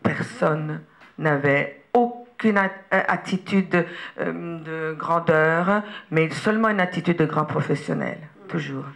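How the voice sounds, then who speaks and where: A woman's voice: low voice, slow, a bit bright. Woman guest, chatty anecdotes, laughs often, hesitant fillers. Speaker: interview guest, actress. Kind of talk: relaxed anecdotal interview talk.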